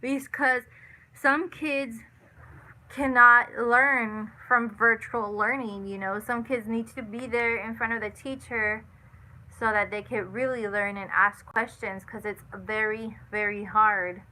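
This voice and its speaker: A woman's voice: on the high side, fairly even intonation, slow pace, sharp tone, poor audio. A woman in her thirties hosting a casual live chat, answering viewers and repeating herself with lots of "you know" and "like". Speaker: livestream host.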